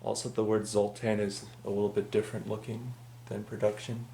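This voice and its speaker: A low-voiced man talks casually through a product comparison over a faint hum. His delivery is understated and very even, with a creaky edge. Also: fairly quick. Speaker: prop collector presenting his animatronics.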